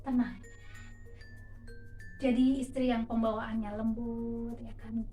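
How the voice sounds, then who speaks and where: High-voiced woman in a roomy space. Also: little pitch movement, takes it slowly, dark tone, faint music behind. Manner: chatty, keeps tagging "ya kan?". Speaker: host giving marriage advice to wives. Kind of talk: casual advice talk. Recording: roomy, a bit far from the mic.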